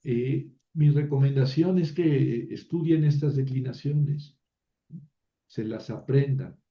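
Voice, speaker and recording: A man's voice: mid-range voice, slow pace, dull audio. A man teaching a biblical Greek class, reciting word forms aloud one at a time and explaining them to his students. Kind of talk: classroom lecture.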